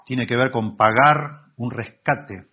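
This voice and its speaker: A man's voice: medium pitch, slow, breathy edge. A male pastor giving a Bible-teaching sermon, reading verses aloud and explaining them, often correcting himself mid-word. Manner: reads scripture aloud and explains it, with many self-corrections. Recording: tinny phone-like recording.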